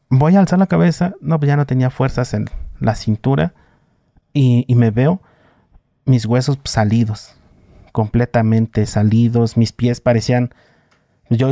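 Mexican man, twenties, mellow low-toned voice, dry close sound, rambling storyteller with lots of "este". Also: dry recording. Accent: Mexican Spanish. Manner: many fillers, vivid retelling. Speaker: guest. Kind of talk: casual storytelling.

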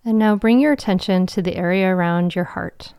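A woman guiding a meditation in a soft, soothing, slow voice with long pauses, breathy and trailing toward a whisper. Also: medium pitch, dry recording, studio quality. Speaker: meditation guide and show host. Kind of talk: guided meditation.

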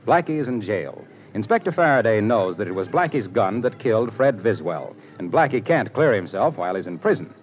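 Animated, low-pitched vintage radio announcer, a man. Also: a little fast, few pauses. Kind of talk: 1940s radio scripted narration. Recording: dull old radio recording. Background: music.

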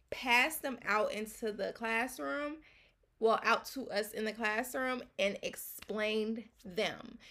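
Young woman, American accent, fairly high voice, casual slangy podcast co-host, venting. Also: creaky, bright, forceful tone. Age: young adult.

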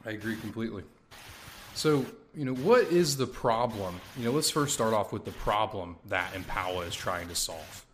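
A man hosting a casual podcast interview, loose and relaxed, leaning on lots of "you know"s, talking around a sore tooth. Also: on the low side, normal speed, a little hiss or hum. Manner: relaxed, filler-heavy talk with many "you know"s. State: sore mouth from a tooth coming in. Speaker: podcast host.

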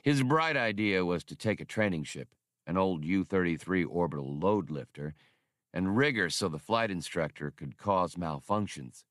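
In a dry, studio-quality recording, a man with a low, animated, slightly bright voice at a moderate pace narrates a space adventure audiobook. He voices a seasoned, easygoing former officer who reminisces about old war stories with wry mildness.

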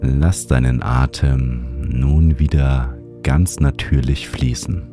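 A man narrating a guided sleep meditation as a podcast host, in the calming manner of a sleep story narrator. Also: rumbling low, slow pace, music in the background.

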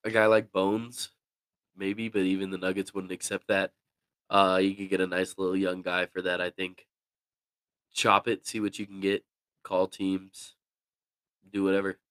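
A man's voice: deep voice, flat delivery, normal speed, pauses often, fairly bright tone, clear, resonant tone, no echo. A young man co-hosting a casual sports podcast, answering in a laid-back, joking, slangy way. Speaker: podcast co-host.

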